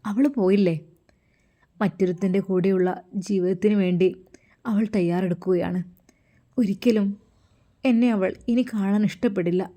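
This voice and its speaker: A woman's voice: medium pitch, steady tone, moderate pace, long pauses, warm tone, lightly acted. A woman with a Malappuram Malayalam accent voicing a feverish, heartbroken young man who talks in a weary, tearful way.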